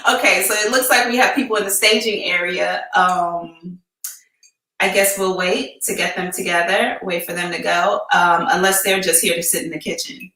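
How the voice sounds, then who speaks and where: An echoey, distant recording of an American woman with a bright voice. She chats informally and candidly as a live-stream psychic host, using slangy phrasing in what sounds like an empty room. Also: fairly low pitch, fairly even intonation, moderate pace. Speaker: psychic reader hosting a live advice show. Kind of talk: casual live-stream chat. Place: emptied-out room indoors.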